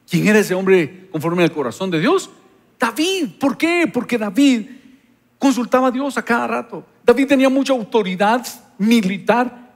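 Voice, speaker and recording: A man's voice: high voice, in a large hall. A male pastor preaching a sermon, telling stories and acting out dialogues with God.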